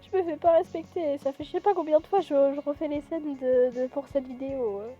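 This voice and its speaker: A woman's voice: high voice, brisk, mellow, lo-fi sound, soft background music. A woman giving casual, giggly commentary while playing and reading a visual novel aloud, with self-mocking asides.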